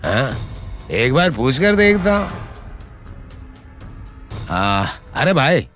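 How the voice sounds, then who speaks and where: A man's voice: medium pitch, big pitch swings, very slow, fairly bright tone, soft background music, full character voice. An actor playing a pushy man who pleads and insists as he searches for a woman. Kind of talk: Hindi family drama acting.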